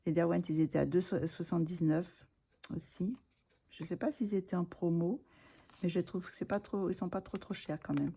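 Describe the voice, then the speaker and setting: Casual vlogger woman, low mellow voice, hesitant delivery with lots of fillers. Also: steady tone, normal speed, gravelly, slightly rough. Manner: hesitant, many fillers and restarts. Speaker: art supplies vlogger. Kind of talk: casual haul video.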